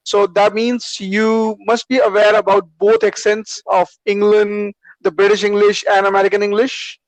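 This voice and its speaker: A man with an Indian accent practices English over a video call in a casual online conversation lesson, asking questions and repeating words back. He speaks at normal speed in a high voice with flat delivery; the recording is low quality but has no echo.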